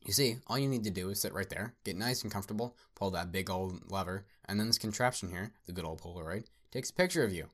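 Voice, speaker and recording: A man voicing a manic, theatrical male artist villain who fawns over his guest, loud and sing-song with big jumps upward. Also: fast talker, few pauses. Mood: gleeful, menacing. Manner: obsequious, repeats "sir", swings loud and high. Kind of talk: dramatic story reading.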